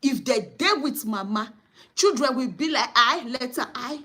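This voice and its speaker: A Nigerian woman with a husky, slightly high voice gives scolding commentary to camera. She talks emphatically and with indignation. Her delivery swings between outrage and disbelief. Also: animated, measured pace, fairly bright tone. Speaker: vlogger. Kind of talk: commentary, mixing English and Pidgin.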